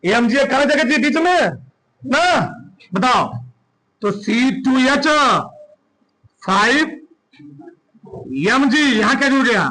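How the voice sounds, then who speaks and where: A man teaching a class, firing short questions at his students one after another. His voice sits very high and rings bright and forceful. He drills the class in a lively, commanding way. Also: poor audio. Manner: quizzing students with rapid questions. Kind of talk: classroom chemistry lesson.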